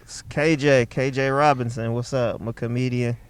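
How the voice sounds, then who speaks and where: A man's voice: mid-range voice, steady tone, moderate pace, clear, resonant tone. A young man from Detroit, a stand-up comedian, telling loose, profane stories in a casual chat inside a car. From Detroit, Michigan.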